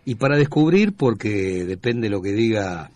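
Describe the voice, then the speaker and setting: Radio host guy, lowish voice, easygoing talk with little restarts. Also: animated, unhurried, a little mellow. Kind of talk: radio presenting.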